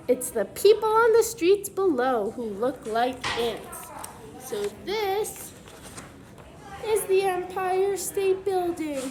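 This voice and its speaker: Her pitch extremely high, a woman who teaches preschool reads a picture book to little kids. Along the way she pauses to quiz them in a teaching manner.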